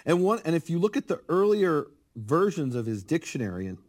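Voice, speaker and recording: A middle-aged native English speaker, a guest scholar of biblical Hebrew, explains history in a conversational interview that slips into lecturing. His voice is on the high side and brisk, and he's animated, acting out the people he quotes.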